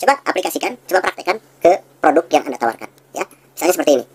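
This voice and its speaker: A woman instructor giving a recorded lesson, explaining quickly and acting out short sales dialogues in a raised voice. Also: expressive, darkish tone, slightly rough, rough recording. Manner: fast explanatory talk, acts out sales dialogue in high voice. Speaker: NLP instructor.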